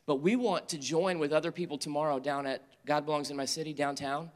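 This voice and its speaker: A man preaching to teenagers in an earnest storytelling manner, rising to urgent appeals and dropping to quiet, tender moments. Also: a little high, fairly even intonation, brisk. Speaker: youth pastor. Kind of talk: sermon to teenagers. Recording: long hall reverb.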